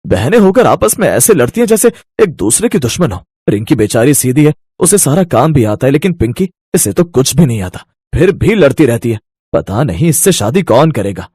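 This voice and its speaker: Man playing a stern, worried young brother, cartoon, husky, lively pitch. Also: normal speed, no echo, clean studio sound.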